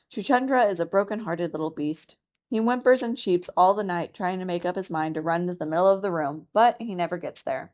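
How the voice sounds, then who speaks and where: A woman with a low, calm voice reads a classic children's story aloud for a library. Her delivery is steady and clear, in an unhurried storytelling manner. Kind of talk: audiobook reading of a children's classic.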